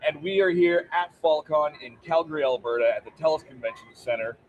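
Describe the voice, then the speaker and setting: A man's voice: a little high, a little fast, phone-quality sound. A man co-hosting a live board game stream at a convention. He has the hiccups and talks in a playful, jokey way, laughing often. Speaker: board game channel co-host. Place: convention center.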